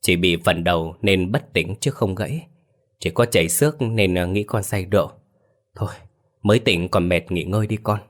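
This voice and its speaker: A man's voice: moderate pace, close to an everyday voice. An older village mother, anxious and doting, calls out to her son in a raised, tearful voice, as a man puts her on. Her worry colours every line of this spoken tale. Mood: gentle worried. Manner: tearful crying out, raised pitch.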